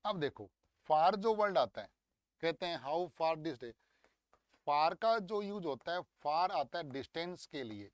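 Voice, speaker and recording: Lively male English teacher. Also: a little high, unhurried, dry recording. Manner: lively, coaxing, drills words aloud. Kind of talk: exam paper walkthrough lesson.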